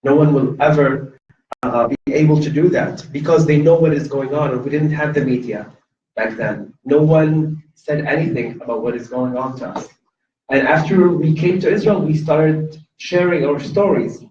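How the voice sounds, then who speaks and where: In a university event hall, a Lebanese man who speaks Arabic natively shares his personal story as an invited campus speaker, earnest and passionate but stumbling with restarts and fillers. His fairly high, darkish voice comes through echoey, dull and distant, with a little background noise.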